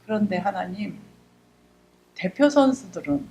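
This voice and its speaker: A woman's voice: medium pitch, lively intonation, measured pace, vocal fry, dark tone. A middle-aged deaconess gives a heartfelt testimony before her congregation. She tells her story with fervour and acts out her own prayers. Her voice rings through an echoey church hall over a faint hum. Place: church sanctuary.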